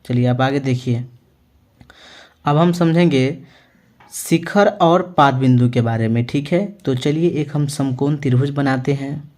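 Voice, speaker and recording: A male maths teacher explaining a lesson to students, asking them questions and answering them himself, often checking in with "okay" as he writes out words slowly. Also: mid-range voice, darkish tone. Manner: ends phrases with a reassuring check-in. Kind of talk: classroom-style lesson.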